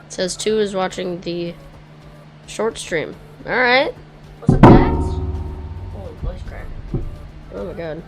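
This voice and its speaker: A woman with a fairly low voice streams a racing game, speaking at a measured pace with frequent pauses. She chats casually, talks to chat, and mutters to herself while driving. Loud background music plays over her voice.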